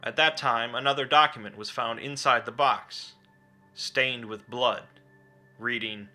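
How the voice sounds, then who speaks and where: A man's voice: medium pitch, steady tone, a little slow, sharp tone. A man reading a scripted, dramatic explainer as a narrator. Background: background music.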